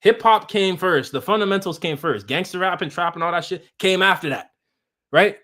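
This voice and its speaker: Male streamer, high voice, heated combative rant aimed at chat. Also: moderate pace, sharp tone. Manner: combative, repetitive, talks straight at chat. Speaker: live streamer.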